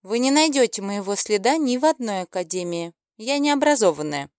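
A woman's voice: medium pitch, lively intonation, fairly quick, darkish tone, no echo, studio quality, lightly acted. A woman voicing a defiant young girl who talks with sarcastic cheek, in an audiobook. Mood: cheeky.

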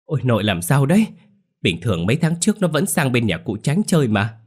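A man's voice: deep voice, animated, fairly quick. Blunt young grandson, voiced by a man. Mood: puzzled. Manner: questioning, blunt.

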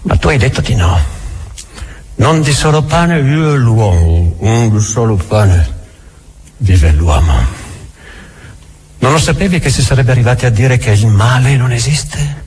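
A man playing a bitter, imperious old inquisitor in a theatre monologue, with dramatic pauses and insistent rhetorical questions. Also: medium pitch, expressive, darkish tone, breathy edge. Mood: grave, insistent.

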